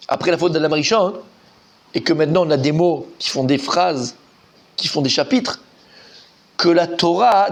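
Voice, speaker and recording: Animated rabbi teaching. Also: male voice, a little high. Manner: lively, animated, asks students questions, repeats himself. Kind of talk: informal Talmud class.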